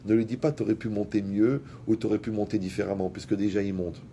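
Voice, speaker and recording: A man giving a lively talk to an audience. He speaks colloquially, addresses the listeners directly and uses everyday examples. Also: lowish voice, fast, creaky, slight background noise.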